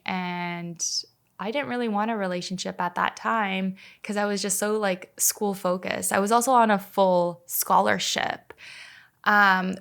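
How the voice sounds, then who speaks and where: Her mid-range voice is gravelly yet clear, with a resonant tone. She's a woman in her thirties chatting casually as a podcast guest, a native Slovak speaker raised in Canada. She sounds relaxed and leans heavily on fillers like "like."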